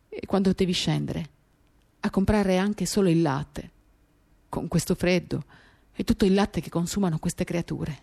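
With vocal fry in a mid-range, slightly mellow voice, a woman reads a novel's monologue for radio theatre. She speaks in short phrases, intimately and dramatically, as though confiding, while acoustic guitar plays.

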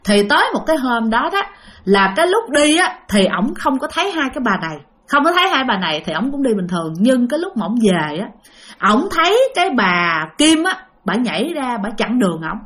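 Animated Southern Vietnamese woman storyteller. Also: a little high, brisk. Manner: animated, addresses listeners directly. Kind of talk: spoken ghost story telling.

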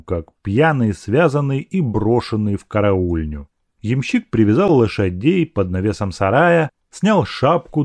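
A man narrating a classic novel as an audiobook, expressive and measured. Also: fairly low pitch, no echo, clean studio sound. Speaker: audiobook reader.

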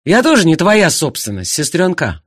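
A man's voice: fairly high pitch, lively intonation, moderate pace, no echo, clean studio sound, pitched above the performer's own voice, lightly acted. A man voicing a brash, mocking young man in an audiobook. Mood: cocky. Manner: cheeky, mocking. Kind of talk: audiobook character voice.

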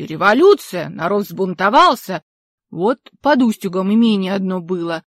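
A chatty old villager spins local legends in a loud, folksy, emphatic manner, as a woman reader puts him on. The voice is lively and pushes its lines hard, with a dry, close sound and no room around it. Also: medium pitch, dry recording, lightly acted. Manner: folksy, emphatic, rustic speech. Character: talkative old village man, folksy storyteller.

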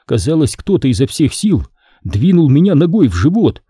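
A man narrating a children's story in an expressive, measured reading. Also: on the high side, slightly rough, no echo, clean studio sound. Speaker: audiobook narrator.

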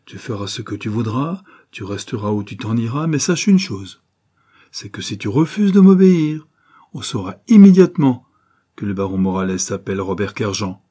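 A man's voice: fairly low pitch, steady tone, a little fast, hardly any pauses, slightly rough. A man voicing a ruthless, scheming adventuress who gives orders with menace, reading an audiobook. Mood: threatening. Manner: menacing, imperious, rising to shouts. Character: ruthless scheming adventuress, cold, commanding woman. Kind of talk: audiobook character voice.

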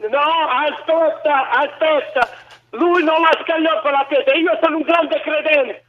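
A man's voice: very high-pitched, steady tone, measured pace, crowd noise. A male radio caller from Bari, rambling and insistent, heard over a distant, hollow phone line as if on speakerphone. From Bari, southern Italy. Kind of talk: call-in phone talk.

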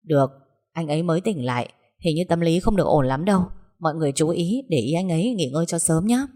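A woman's voice: low-pitched, lively intonation, warm tone. A woman voicing a matter-of-fact hospital doctor giving instructions. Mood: businesslike. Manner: brisk, instructive.

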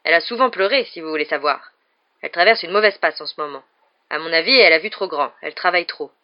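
A reader voicing a huge, kind male gamekeeper who speaks earnestly and loudly. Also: medium pitch, fast, muffled recording, natural voice. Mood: grave.

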